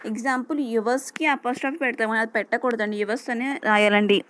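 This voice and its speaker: A woman with a Telugu accent teaching English grammar, reading English definitions slowly and explaining them in Telugu. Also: a little high, fairly even intonation, a bit bright, a little hiss or hum, rough recording. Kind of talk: explanatory lesson over slides.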